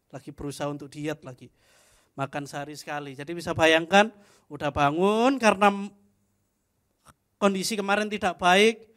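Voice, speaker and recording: High-voiced joking young preacher. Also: male voice, a bit bright. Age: young adult. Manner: chatty, joking, frequent tag "ya". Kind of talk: youth fellowship sermon, casual storytelling.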